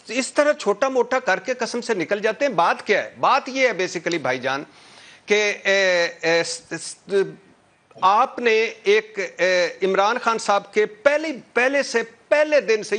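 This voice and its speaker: A man's voice: sits high, fairly bright tone. A man speaking as a political commentator on a TV talk show panel, impassioned and repetitive, with many filler sounds and restarts. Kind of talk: heated TV talk show debate.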